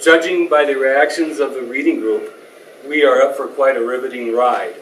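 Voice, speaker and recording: A man's voice: medium pitch, fairly even intonation, normal speed, a bit bright, a little hiss or hum. A man reading a formal, prepared introduction for a guest speaker. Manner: formal, reads prepared remarks. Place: lecture hall. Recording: echoey hall, mic from a distance.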